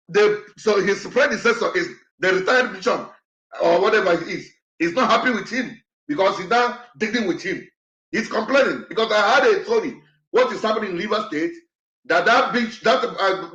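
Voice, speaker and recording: A man's voice: high-pitched, fairly bright tone, roomy sound, dull audio. A man hosting an online show, speaking in an impassioned, repetitive way that falters when he gets upset. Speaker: show host. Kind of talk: emotional commentary to an online audience.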